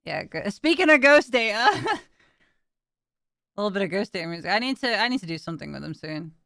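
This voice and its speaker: Tired, frank woman streamer, bright clear voice. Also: medium pitch, very animated, a little fast, dry recording, studio quality. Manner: tired, frank, swears casually, laughs often. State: tired and in pain. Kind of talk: casual chat with viewers.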